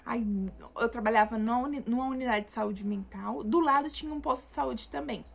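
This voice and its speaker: A woman's voice: on the high side, a little fast, vocal fry. A young woman from Brazil, telling a personal story in a casual chatty way, full of fillers and self-corrections. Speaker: vlogger.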